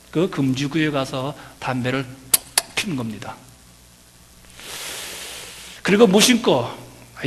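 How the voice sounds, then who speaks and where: A man's voice: fairly high pitch, in a large hall. A man preaching a sermon as pastor, impassioned and pleading. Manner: impassioned, building to loud pleading.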